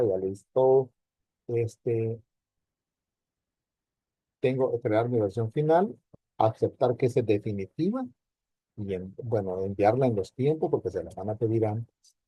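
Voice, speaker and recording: This recorded online university lecture features a man with a warm, mid-range voice walking students through the material one step at a time. He speaks directly to them with rhetorical questions; there's no room sound, but the audio quality is poor.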